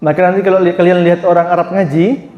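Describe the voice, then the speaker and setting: A man's voice: high voice, flat delivery, quick pace, roomy sound, muffled recording. A man teaching Quran recitation, drawing out sounds and explaining them patiently.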